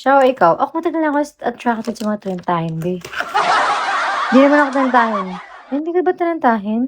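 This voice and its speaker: A woman's voice: high voice, expressive, fairly quick. A woman, hosting a casual livestream and chatting and teasing her viewers. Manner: chatty, teasing, breaks into soft singing. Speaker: livestream host. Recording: loud background noise.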